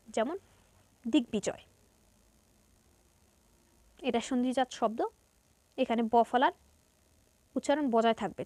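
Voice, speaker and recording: A woman's voice: on the high side, mellow, no echo. A woman with a Bangladeshi Bengali accent teaching a grammar lesson to students, going step by step and asking and answering her own questions.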